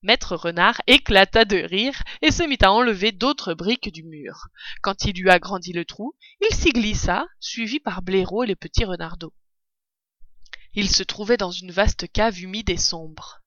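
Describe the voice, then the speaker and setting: A woman reading a children's story aloud with expressive narration. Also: medium pitch, a little slow, dry recording. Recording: dull, dry recording.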